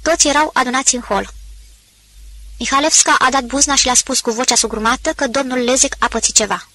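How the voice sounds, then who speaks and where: A woman narrating an audiobook in a steady, expressive storytelling manner. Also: high-pitched, poor audio.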